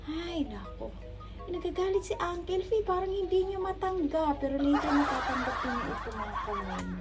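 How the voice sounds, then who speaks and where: A woman's voice: high voice, expressive, moderate pace, over music. Woman cooing baby talk at kittens. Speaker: pet vlogger. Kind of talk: casual chat with her cats.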